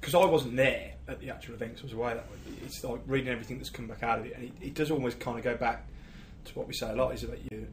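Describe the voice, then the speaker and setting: A man co-hosting a business podcast in casual chat, quick and easygoing. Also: mid-range voice, fairly even intonation, a little hiss or hum. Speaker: podcast co-host.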